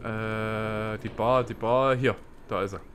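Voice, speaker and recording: A man playing a video game, chatting casually and quietly reading the subtitles aloud. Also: fairly even intonation, slow pace, slight background noise. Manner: reads game subtitles aloud in a soft, low-key voice. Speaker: let's play gamer. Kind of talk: casual gameplay commentary. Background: game music.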